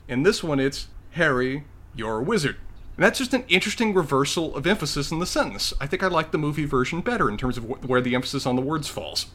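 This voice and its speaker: A man co-hosting a casual podcast, talking in an animated, opinionated way. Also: on the high side, fast talker, hardly any pauses. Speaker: podcast co-host.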